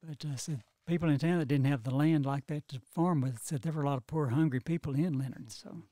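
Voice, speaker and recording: A man's voice: on the high side, a little fast, warm tone. Older man telling folksy memories. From Texas. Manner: folksy storyteller, many "you know"s and restarts. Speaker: guest, local historian. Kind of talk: casual chat, reminiscing.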